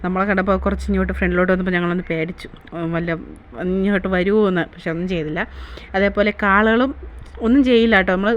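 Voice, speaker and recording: A woman's voice: lowish voice, steady tone, fast, highs cut off, a little hiss or hum. A woman narrating her family day-out vlog in a casual, chatty way, often asking viewers to comment. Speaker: vlogger.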